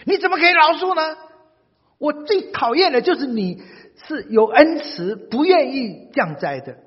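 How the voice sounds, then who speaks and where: A man acting out an angry, resentful prophet who shouts and sulks, heard in a dull recording with long hall reverb. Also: very high-pitched, big pitch swings, fast talker, breathy edge, pitched above the performer's own voice, full character voice. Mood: furious sulking. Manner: shouting, petulant.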